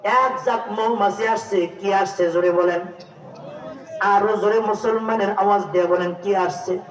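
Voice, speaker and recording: High-pitched chanting preacher man, distant and echoey. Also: fairly even intonation, moderate pace. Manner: chanting and shouting, calls the crowd to repeat. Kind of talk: sung Bengali waz sermon. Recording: distant echoey hall through lo-fi PA.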